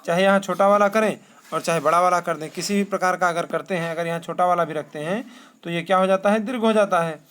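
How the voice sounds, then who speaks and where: High-voiced man teaching Sanskrit metre. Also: fairly bright tone. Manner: asks rhetorical questions and answers them himself; chants verses slowly. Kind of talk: classroom lesson.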